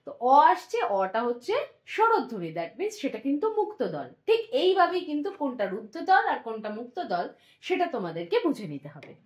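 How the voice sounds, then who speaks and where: A woman teacher explaining a school lesson patiently, slowly drawing out example words as she demonstrates. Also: sits high, reverberant.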